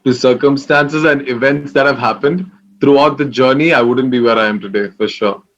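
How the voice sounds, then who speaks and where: A man in his late twenties from Kerala, India, telling his story in a relaxed, rambling way full of fillers. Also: mid-range voice, moderate pace, dull audio. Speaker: interview guest. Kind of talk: casual interview.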